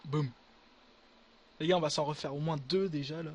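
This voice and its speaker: A young man giving casual gameplay commentary to his viewers, excitable and full of crude slang. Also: a little high, normal speed. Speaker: gaming video creator.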